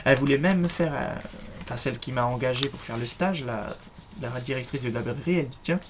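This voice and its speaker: A man's voice: medium pitch, a little fast. A young man chatting casually in a home vlog, showing his collection, full of fillers and restarts. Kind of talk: casual show-and-tell vlog. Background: faint noise and clicks.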